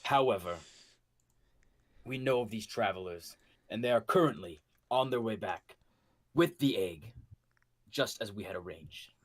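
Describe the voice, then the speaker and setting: A man voicing a deceitful, smooth-talking male adventurer with a low, oily, mock-polite manner. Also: expressive, unhurried, long pauses. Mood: scheming.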